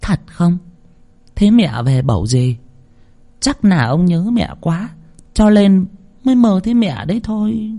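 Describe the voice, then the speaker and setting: A man voicing a blunt middle-aged wife who speaks in a sharp, questioning way. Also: high voice, lively intonation, measured pace, creaky, long pauses, pitched above the performer's own voice, exaggerated voice.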